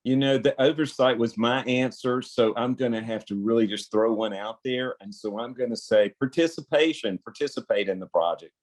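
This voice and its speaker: A man's voice: mid-range voice, normal speed, hardly any pauses. Matter-of-fact man answering on a call. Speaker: game contestant. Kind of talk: casual answers.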